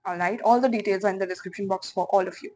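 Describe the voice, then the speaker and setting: A woman's voice: mid-range voice, fairly even intonation, very fast, a little hiss or hum, poor audio. A woman doing a pick-a-card tarot reading, talking in a chatty, playful way with many fillers and speaking to her viewers as piles. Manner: chatty, playful, with frequent fillers and soft laughs. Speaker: tarot reader.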